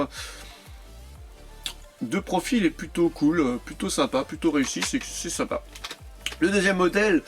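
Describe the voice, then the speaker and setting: Chatty man unboxing toy cars. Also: mid-range voice. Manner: chatty, full of hesitations and repeated words. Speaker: toy car collector vlogger. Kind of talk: casual unboxing chat.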